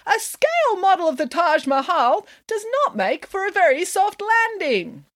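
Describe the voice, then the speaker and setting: A woman voicing a bold, bossy female pig nanny who calls up from inside a chimney, high and brassy. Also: very animated, normal speed, a bit bright, heavily acted. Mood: flustered. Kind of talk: storybook reading.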